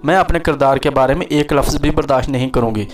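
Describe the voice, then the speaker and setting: A man reading the lines of a calm, dignified young wife who speaks with restrained firmness, in a storybook narration. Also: mid-range voice, fast, natural voice. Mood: firm restrained. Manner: restrained, firm.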